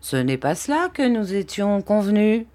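A calm older man speaks in a measured, fairly gentle tone, firm about business. A woman reads him in her own voice. His manner stays steady and unhurried. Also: medium pitch, voice pushed up, close to an everyday voice.

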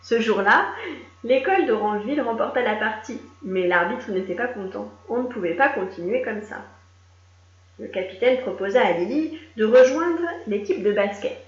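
Casting: woman storyteller, higher voice, very expressive read-aloud for kids, echoey lo-fi room. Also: moderate pace. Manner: lively, animated, does character voices. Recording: echoey room, dull lo-fi sound.

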